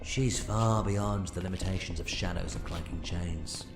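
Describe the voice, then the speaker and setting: A man's voice: low voice, moderate pace, lightly acted. A man playing an eccentric, commanding alien adventurer in an audio drama, theatrically swinging between playfulness and grave authority. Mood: wry, stern. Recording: echoey sound with music underneath.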